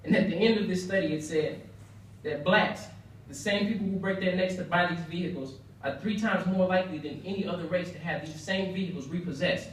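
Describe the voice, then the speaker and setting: An earnest young American man gives a prepared speech in a very echoey room, picked up from a distance. His voice sits a little high, and he speaks emphatically, repeating phrases for effect. There is faint noise behind him. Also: a little fast. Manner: earnest, emphatic, with rhetorical repetition. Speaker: speaker at a banquet. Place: indoor banquet room, heard from far off.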